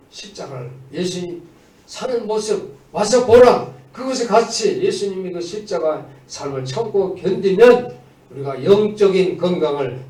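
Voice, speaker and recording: In an echoey church room captured by a distant mic, a man with a slightly high, darkish voice preaches a Sunday sermon as pastor. He exhorts his listeners, alternating emphatic proclamation with conversational asides.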